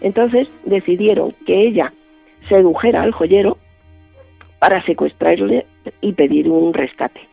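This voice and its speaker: A man's voice: high-pitched, unhurried, creaky, breathy edge, no echo, soft background music. A male radio guest, telling a story vividly and acting out the lines of the people in it. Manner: vivid, acts out quoted dialogue. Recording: band-limited dry phone-like line.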